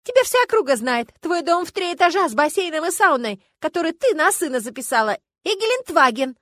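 A woman voicing a haughty, indignant rich lady who speaks shrilly and loudly in an audiobook. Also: fairly high pitch, lively intonation, fast, no echo, clean studio sound, voice pushed up. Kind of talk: audiobook character voice.

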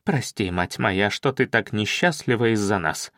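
Мужчина озвучивает надменную старшую жену, говорящую твёрдо и ехидно. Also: male voice, lowish voice, animated, normal speed, fairly bright tone, no room sound, studio quality. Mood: firm. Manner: firm, snide. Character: haughty senior wife, grown woman.

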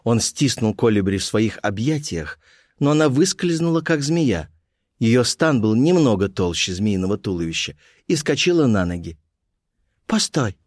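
A male narrator reading a classic story, with measured, expressive delivery and a lively, varied pitch. His voice is mid-pitched. The recording is close and dry, with no room sound. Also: no echo. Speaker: audiobook narrator.

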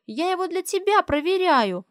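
A woman voicing a cheeky, excitable little girl with a squeaky, shrill voice in an audiobook. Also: normal speed, no echo, studio quality. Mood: excited squeal.

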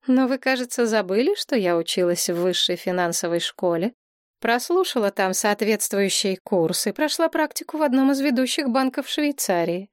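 A woman voicing a young heiress who speaks in a firm, composed and deliberate way. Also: medium pitch, no echo, studio quality, close to an everyday voice.

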